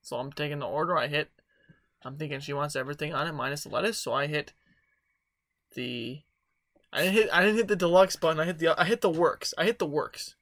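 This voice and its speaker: A man's voice: on the high side, fairly quick, fairly bright tone, no room sound, studio quality. A young man hosting a casual podcast, telling work stories in a rambling way with laughs. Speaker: podcast host. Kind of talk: casual chat.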